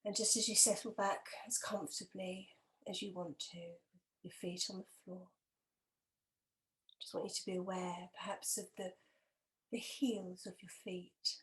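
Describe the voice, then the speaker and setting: In the role of a hypnotherapist, a woman with a mid-range voice talks listeners through a relaxation meditation. Her delivery is calm, gentle and measured, broken by long pauses, and her soft voice sometimes turns breathy. The audio is poor.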